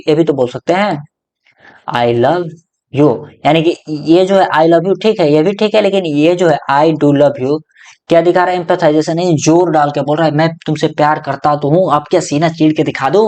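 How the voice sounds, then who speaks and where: A man's voice: a little high, a little mellow. A young man giving a classroom grammar lecture as a teacher, mixing in English words and repeating each key point as a question he then answers himself. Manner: mixes English words into explanations.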